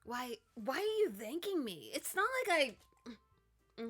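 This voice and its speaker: A woman's voice: high voice, sing-song, a little slow, fairly bright tone, slightly rough, soft background music, full character voice. A woman voicing a prickly, defensive teenage schoolgirl from a visual novel who talks in a huffy way.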